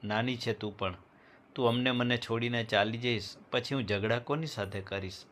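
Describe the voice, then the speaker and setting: A man's voice: medium pitch, moderate pace, slightly rough, natural voice. A man voicing a playful, teasing teenage younger sister in a storybook reading. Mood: tearful pleading. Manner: teasing, chatty, affectionate. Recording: loud background music.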